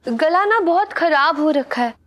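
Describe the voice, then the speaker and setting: A woman's voice: sits high, lively intonation, a little slow, lo-fi sound. A young woman disguised as an elderly grandmother, making excuses in a thin put-on voice about a sore throat. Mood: fibbing. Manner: feigns a sore throat, evasive.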